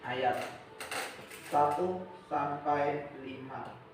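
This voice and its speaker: A man in his thirties preaching a youth church sermon, emphatic, swinging between loud and soft, with casual slang mixed in. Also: a little high, extremely slow, noisy background. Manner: casual, mixes in everyday slang and English words. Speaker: youth pastor. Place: church hall. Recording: echoey hall, distant dull mic.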